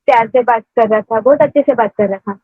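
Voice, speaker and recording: A woman with a high, somewhat husky voice calls in and tells her story in loose, rambling speech, pausing often with filler sounds. The sound is a thin, tinny phone line, dry with no room around it. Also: no echo. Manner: rambling, many hesitations. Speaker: caller.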